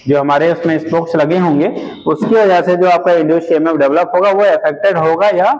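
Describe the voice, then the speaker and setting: A man's voice: on the high side, brisk, darkish tone, dull audio, slight background noise. A male physics teacher giving a classroom lecture, addressing his students as "beta" and repeating his questions for them to answer.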